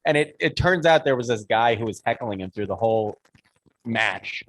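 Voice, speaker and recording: A man's voice: mid-range voice, animated, normal speed, fairly bright tone, no echo, rough recording. A man who does stand-up, co-hosting a casual comedy podcast, telling rambling anecdotes and laughing often. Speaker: podcast co-host, stand-up comic.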